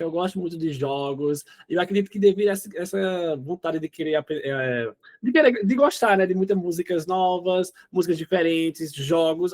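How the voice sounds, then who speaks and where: A young man in his 20s from Northeast Brazil chats casually as an interview guest. His voice is high and his manner talkative, and he often tosses in "né?" and "entendeu?".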